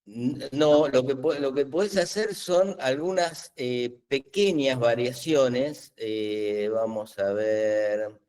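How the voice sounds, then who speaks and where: A man's voice: mid-range voice, slow, darkish tone, smooth. A middle-aged man, hosting a live webinar Q&A and explaining patiently with many fillers and restarts. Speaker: webinar host explaining AI tools.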